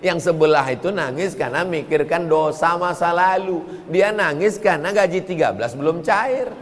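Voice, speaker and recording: A man preaching a sermon, lively and breaking into chanted prayers now and then. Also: a little high, moderate pace, a little hiss or hum. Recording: long hall reverb.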